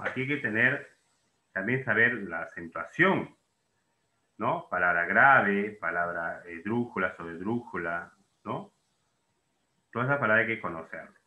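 In an echoey room, a man with a mid-range, pushed, bright voice teaches a classroom lesson. He explains by asking and answering his own questions, voicing his students' doubts himself.

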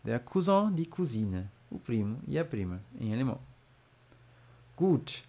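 A man teaching German vocabulary in a casual lesson, drawing out each word slowly between chatty asides. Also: mid-range voice, sing-song, darkish tone. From Brazil. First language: Portuguese. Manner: slow, drawn-out model pronunciation with chatty asides.

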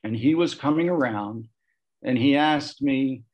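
On a discussion panel, a guest reflectively shares a personal memory, changing his voice whenever he quotes others. He has a medium-pitched, darkish voice and an unhurried delivery, captured in muffled lo-fi audio.

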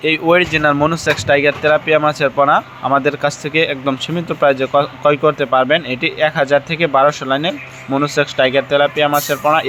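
Male fish-farm vendor, rapid pushy pitch, light outdoor background noise. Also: a bit bright. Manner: fast, repetitive salesman talk with restarts. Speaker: fish fry seller. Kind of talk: sales pitch vlog.

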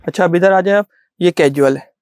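Middle-aged male shopkeeper, Pakistani Urdu accent, insistent repetitive sales talk, fairly high voice, dry shop recording. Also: brisk, darkish tone, dry recording. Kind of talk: sales pitch to a vlogger. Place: small indoor clothing shop.

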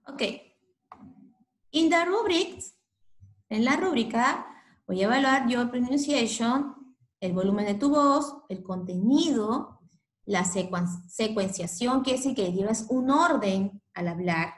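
A woman's voice: on the high side, lively intonation, slow, pauses often. A woman teaching a class over a video call, switching between English and Spanish and saying "ok" again and again. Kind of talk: online class instruction. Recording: echoey room.

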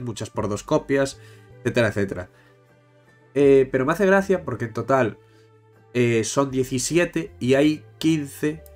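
A man with a Spain accent, stuffed up with a bad cold, chatting casually as a YouTube host about card-game news and pausing for breath. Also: medium pitch. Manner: pauses to catch breath. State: congested with a bad cold, blocked nose. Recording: music behind the voice. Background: music.

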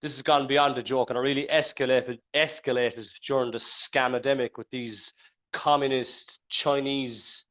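A man's voice: medium pitch, fairly bright tone. Exasperated ranting man, muffled audio.

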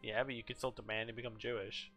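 A man's voice: medium pitch, little pitch movement, fast, music in the background. A man chatting while playing a multiplayer strategy game, explaining the rules to his friends and teasing them. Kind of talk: casual gaming chat.

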